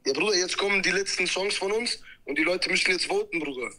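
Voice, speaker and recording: A man's voice: high voice, fast, a crowd in the background. A man chatting casually over the phone in slangy speech, often addressing the listener as brother. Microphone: phone call played through speaker into streamer's microphone. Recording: phone call on speaker, voices around.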